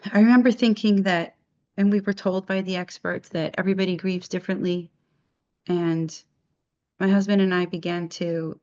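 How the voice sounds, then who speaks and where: Soft-spoken woman telling a personal story. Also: fairly low pitch, dull audio. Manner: halting, reflective, with frequent restarts. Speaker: interviewee sharing her story. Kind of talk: personal testimony.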